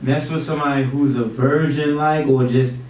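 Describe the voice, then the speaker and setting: A man's voice: medium pitch, fairly even intonation, moderate pace, a little mellow. A man in his twenties, a guest, speaking in a laid-back, slangy and earnest way. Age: 20s. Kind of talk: casual chat. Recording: roomy, distant mic, faint noise.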